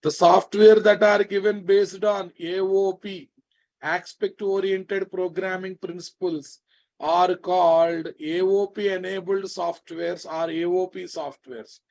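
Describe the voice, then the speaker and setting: Speaking high but with little pitch movement, this man has a gravelly, darkish voice and a measured pace. He's a Telugu-accented Indian programming teacher lecturing live, repeating himself and needling his students with familiar, scolding questions.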